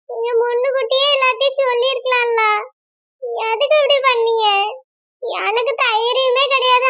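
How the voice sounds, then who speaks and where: A woman's voice: very high-pitched, bright, forceful tone, dry recording, studio quality, exaggerated voice. A woman playing an anxious young runaway bride with a Kanyakumari Tamil accent, pleading and scolding in a rush. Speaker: village drama actor. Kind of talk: amateur village drama.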